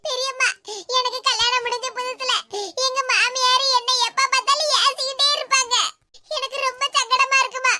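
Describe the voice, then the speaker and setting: A woman voices a young, mistreated daughter-in-law in an animated cartoon, with a southern Tamil Tirunelveli-Kanyakumari accent. The voice is extremely high and bright. She speaks in a tearful, pleading way. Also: moderate pace, slight background noise. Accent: southern Tamil, Tirunelveli-Kanyakumari dialect.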